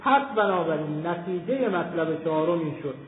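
A man giving a classroom philosophy lecture, slowing down and stressing key terms as he explains step by step. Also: a little high, expressive, a little hiss or hum. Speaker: teacher of Islamic philosophy. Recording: tinny, echoey hall recording.

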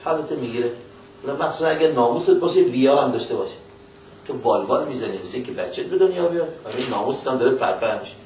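A man preaching a religious lecture, speaking in a folksy way, questioning his listeners directly and quoting scripture in a slow, measured cadence. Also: mid-range voice, expressive, darkish tone, slight background noise.

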